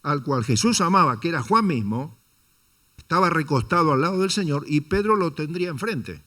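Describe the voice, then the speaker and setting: A man's voice: a little high, expressive, moderate pace, pushed and bright. A man preaching a Sunday sermon, asking the congregation rhetorical questions and calling them brother. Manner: dramatizes quotes with shifting intonation. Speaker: pastor.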